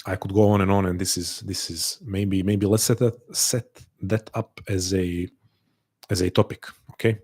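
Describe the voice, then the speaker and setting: Hosting a live online session, a man talks reflectively to his audience in a low, husky, slightly mellow voice with a level tone and moderate pace. He's earnest and thoughtful, often repeating himself and restarting phrases mid-thought.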